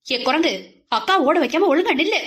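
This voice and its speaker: A woman's voice: high-pitched, fairly quick, a little mellow, pitched above the performer's own voice, natural voice. A woman voicing a cheeky teenage younger sister who speaks urgently.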